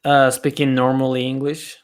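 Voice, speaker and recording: Halting man in casual chat. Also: mid-range voice, monotone, clear, resonant tone. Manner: halting, with frequent restarts and soft laughs. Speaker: podcast host and music reviewer.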